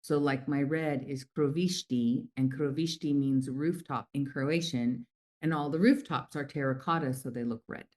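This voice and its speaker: A woman's voice: very deep voice, fairly even intonation, normal speed. A middle-aged woman from the United States, a company founder, telling stories chattily with lots of fillers in an interview. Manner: chatty, warm storytelling with many fillers. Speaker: guest, lip color company founder. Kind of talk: casual interview conversation.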